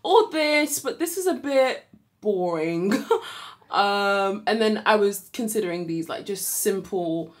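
Young woman vlogger, lively pitch, chatty and excitable. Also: slow. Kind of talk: casual vlog talk to camera.

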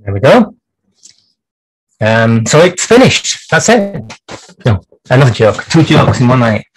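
A man's voice: mid-range voice, very animated, unhurried, breathy edge, faint music behind, rough recording. A man hosting a clock repair livestream from his workshop bench, chatting through the work with dry jokes and lots of hesitations.

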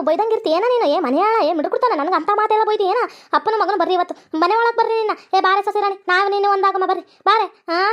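A woman's voice: extremely high pitch, muffled recording. A woman voicing a bossy, scheming middle-aged mother-in-law in a cartoon, with a North Karnataka accent and a mocking manner. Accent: North Karnataka Kannada.

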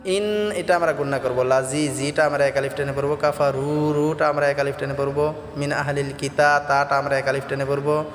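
A man teaching recitation, alternating slow melodic chanting with quick spoken explanations of pronunciation. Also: mid-range voice, level tone. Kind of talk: Quran recitation lesson with chanted verses. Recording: echoey reverberant room with soft music.

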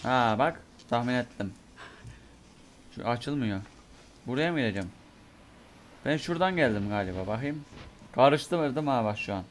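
Hoarse young man muttering through gameplay. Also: medium pitch, lively intonation, normal speed, long pauses, a little hiss or hum. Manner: mutters to himself, curses and reacts in bursts. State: voice going hoarse from a sore throat. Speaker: gamer playing a horror game. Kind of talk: let's play commentary.

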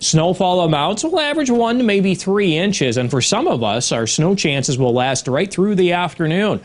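A man's voice: high-pitched, sing-song, normal speed. A male TV meteorologist delivering a morning weather forecast in an upbeat manner.

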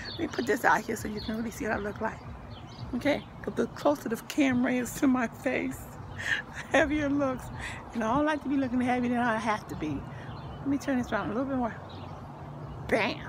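Here the older vlogger speaks on the high side and fairly quickly, leaving long pauses, with noise behind her. Claiming she's losing her voice, she walks her backyard garden with a handheld phone, offering lively, sermon-like encouragement full of church expressions in a casual home video.

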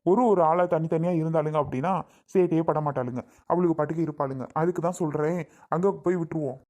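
A woman's voice: deep voice, fast, warm tone. A woman voicing a young husband who lectures and reasons with his wife, repeating her name, in a family comedy skit. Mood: persuading.

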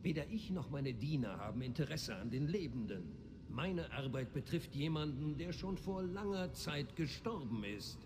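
An imperious male ghost lord speaks in a fairly high voice, formal and commanding. He sounds like an indignant scholar in a fantasy game, with noise clearly behind him. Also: animated, moderate pace. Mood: haughty, stern. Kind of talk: video game voice acting.

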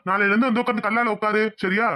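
A woman voicing a calm, patient middle-aged husband in a cartoon, soothing his worried wife. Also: mid-range voice, very fast, natural voice.

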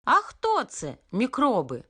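A woman voicing a boastful little male tiger cub in a storybook reading, with a high, excitable voice. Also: slow, breathy edge, heavily acted. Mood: curious.

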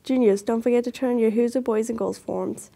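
A woman's voice: fairly high pitch, steady tone, a little fast, creaky, mellow. A teenage girl anchoring scripted school announcements. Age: teens. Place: school TV studio.

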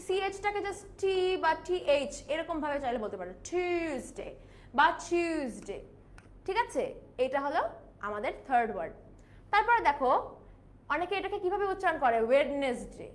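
A young woman leads a live online pronunciation lesson, mixing Bengali and English. Her voice sits high and swoops up and down a lot. She repeats each word slowly for her students. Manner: switches between Bengali and English, drills words slowly. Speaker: English teacher.

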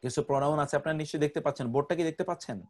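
A man's voice: a little high, fairly even intonation, rapid-fire. A man teaching an online grammar class, patiently repeating word lists for students to memorize.

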